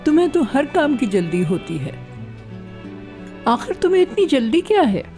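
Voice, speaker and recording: An actress dubbing a gentle, cautious older woman in a TV drama, speaking softly and measured. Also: sits high, very animated, faint music behind. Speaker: dubbing actor. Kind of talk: Urdu-dubbed TV drama.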